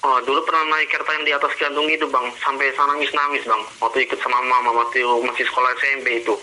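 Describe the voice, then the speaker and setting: A man's voice: mid-range voice, level tone, quick pace, sharp tone, low-quality recording. A man casually telling the hosts earnest stories about his fears and calling them "Bang" all the time.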